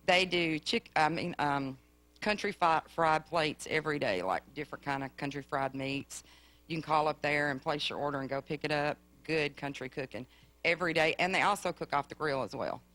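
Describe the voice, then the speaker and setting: A woman's voice: sits low, moderate pace, fairly bright tone. A woman, a guest explaining a recipe in a plain, matter-of-fact way. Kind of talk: casual chat.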